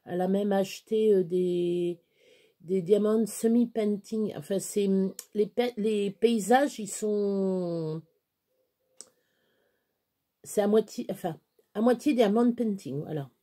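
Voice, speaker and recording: A middle-aged woman vlogger talks to camera in a mellow, warm voice, rambling casually with frequent fillers and restarts. Now and then she slips into soft baby talk. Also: mid-range voice, takes it slowly. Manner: chatty, hesitant, many restarts and fillers, baby talk to her dog.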